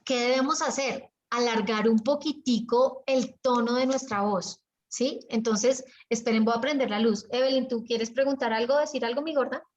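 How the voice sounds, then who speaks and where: Colombian woman, business coach on a video call, animated, raised pitch, dull lo-fi audio. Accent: Colombian Spanish. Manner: chatty and animated, acts out examples with pauses and lowered tone. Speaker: business coach leading an online workshop.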